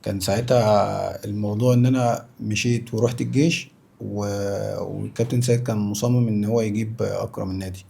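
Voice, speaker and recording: A man's voice: lowish voice, steady tone, brisk, creaky, warm tone, slightly rough. A man with an Egyptian Arabic accent in natural, unscripted interview talk as a guest, insistent and repeating himself for emphasis. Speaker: interview guest, former professional footballer.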